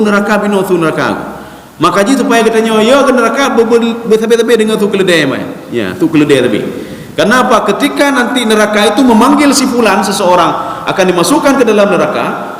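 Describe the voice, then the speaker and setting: A man preaching a sermon to a mosque congregation, asking rising questions and chanting Arabic verses. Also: high-pitched. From Indonesia. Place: mosque hall. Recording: echoey mosque hall.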